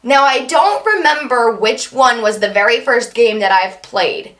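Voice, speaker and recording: A young woman talks casually to her camera, her voice bright and a little high but worn and strained from tiredness. She rambles and sidetracks, poking fun at herself as she goes. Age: young adult. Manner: rambling, self-deprecating, quick asides. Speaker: vlogger.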